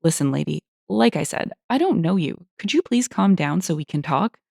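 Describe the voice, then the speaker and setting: A patient, reasonable young man who keeps his tone polite, as a woman narrator voices him. The delivery is lively, with a slight rasp, and the sound is close and dry. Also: lowish voice, moderate pace, dry recording. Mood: calm, polite. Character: calm, polite young man defending himself.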